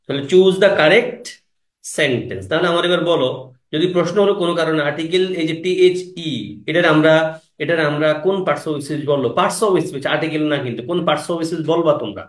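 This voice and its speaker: A man teaches an exam-prep class, firing quick questions at his students and repeating the key words. His voice sits a little high for a man. The room gives it a clear echo. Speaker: English teacher.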